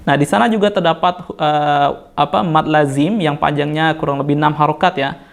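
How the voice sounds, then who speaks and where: Indonesian man, recitation teacher, patient and methodical, clear gravelly tone. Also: a little high, moderate pace. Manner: patient, corrects mistakes step by step with fillers. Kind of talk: tajwid lesson with slow chanted recitation.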